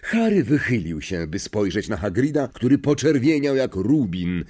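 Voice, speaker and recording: Male storybook narrator, lively melodic pitch, mid voice. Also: moderate pace, husky. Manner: expressive, acts out characters. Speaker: audiobook narrator. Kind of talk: scripted narration.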